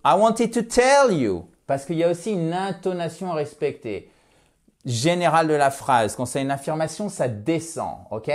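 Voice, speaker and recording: A French-speaking man teaches English pronunciation with lively emphasis, drawing out his English demo phrases. His voice is a little high.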